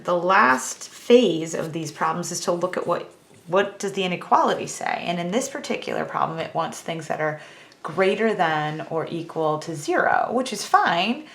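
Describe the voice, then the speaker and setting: A woman's voice: on the low side, creaky, a bit bright. A woman teaching a math lesson, talking through each step on a calculator in a chatty, self-teasing way.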